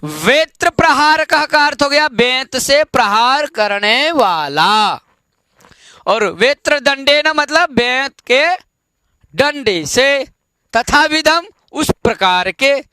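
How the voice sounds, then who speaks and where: A man teaching an online Sanskrit lesson, explaining each word slowly and checking in with his students. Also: extremely high pitch, lively intonation, bright, forceful tone, clear, resonant tone, no room sound. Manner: slow, explains word by word with repeated check-ins.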